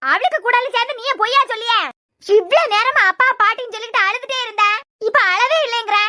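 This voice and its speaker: A woman voicing a bossy, suspicious cartoon grandmother with a Kanyakumari Tamil accent, scolding in rapid questions. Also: very high-pitched, heavy background noise. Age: older.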